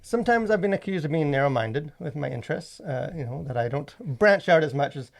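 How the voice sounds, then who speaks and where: Speaking a little fast with vocal fry and lively intonation, a man with a fairly high voice hosts a podcast and reviews movies. He rambles casually and eagerly, leaning hard on "like."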